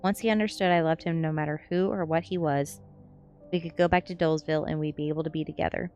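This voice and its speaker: Reading a novel aloud for her stream, a woman uses a cozy ASMR storytelling approach, addressing listeners casually and warmly and sometimes stumbling on words. Her low, darkish voice stays fairly even in intonation and moves fast. Music runs behind the recording.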